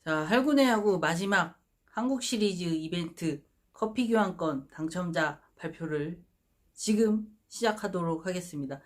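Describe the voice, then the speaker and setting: A woman's voice: on the low side, expressive, unhurried. A woman hosting her own channel, speaking in a formal, polite presenter style as she addresses viewers. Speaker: host of a sports prediction channel. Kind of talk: giveaway announcement to viewers. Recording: music behind the voice. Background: music.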